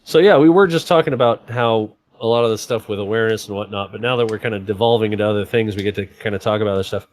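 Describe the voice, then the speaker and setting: A man's voice: on the low side, rapid-fire, few pauses, no room sound. A man hosting a casual livestream, joking and laughing often while he rambles about fixing his computer. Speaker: livestream host. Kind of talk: casual stream chat.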